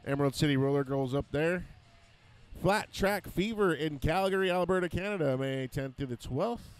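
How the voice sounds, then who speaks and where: A man's voice: fairly high pitch, clean tone. Joking man calling roller derby. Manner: joking, rattles off lists of dates and places. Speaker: play-by-play announcer.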